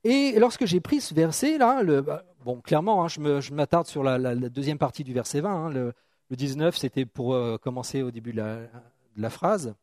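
Male preacher, middle-aged, from France, conversational, joking, mellow, dry sound. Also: mid-range voice, animated, moderate pace, no room sound. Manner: conversational and joking, with many restarts. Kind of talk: sermon.

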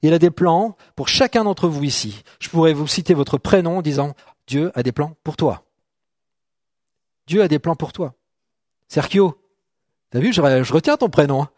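A middle-aged man delivers a sermon in a relaxed, conversational way, often asking "d'accord?" and joking with the people in front of him. His voice sits a little high for a man, and the sound is dry and close. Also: normal speed, no echo. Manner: conversational, checks in with "d'accord?", jokes with the congregation. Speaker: preacher. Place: church hall.

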